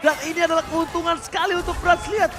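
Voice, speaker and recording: An Indonesian man works as an esports caster with a very high, urgent voice. He rattles through the play-by-play with emphatic, excitable calls that tip into shouting. Music plays clearly behind him. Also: fast talker, a crowd in the background.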